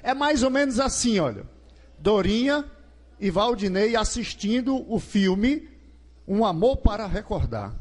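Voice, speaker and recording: Lively, high-voiced Brazilian preacher. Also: male voice, unhurried. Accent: Brazilian Portuguese. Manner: asks the crowd questions and acts out scenes. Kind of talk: lively sermon. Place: large gymnasium.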